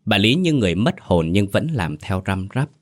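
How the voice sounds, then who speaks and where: A man narrating a scripted horror story in a steady, measured way. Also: lowish voice.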